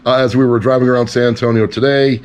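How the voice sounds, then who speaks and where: A man's voice: mid-range voice, little pitch movement, quick pace, smooth. A man hosting a casual book chat, sarcastic and swearing offhandedly. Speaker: podcast host. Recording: faint background noise.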